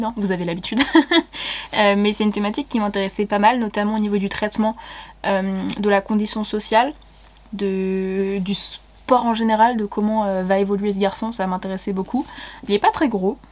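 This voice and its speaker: A young woman chatting casually as she unboxes books, excitable and giggly, with many fillers. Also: medium pitch, fairly quick. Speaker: book vlogger.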